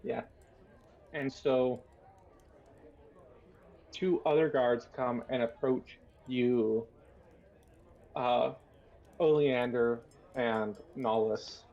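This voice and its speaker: A man narrating a tabletop game as game master, unhurried and hesitant, with many fillers. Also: medium pitch, fairly even intonation, dull audio.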